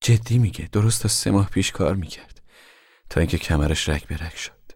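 A man's voice: sits low, a little mellow, slightly rough, dry recording, clean studio sound. An actor voicing a weary, practical farm mother in a radio drama, talking in an earnest, plain way.

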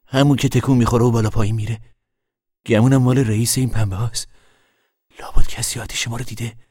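An actor playing a hunted, bitter male squatter farmer in a radio drama, speaking in a wary, urgent way with a husky voice. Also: mid-range voice, steady tone, a little mellow, no room sound, clean studio sound, natural voice. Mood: defiant.

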